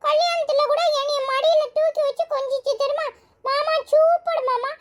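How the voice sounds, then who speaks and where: A woman voicing a chatty, teasing little village boy in a cartoon, with a squeaky, giggly voice. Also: fairly even intonation, moderate pace. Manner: teasing, rambling, singsong. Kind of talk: cartoon storytelling.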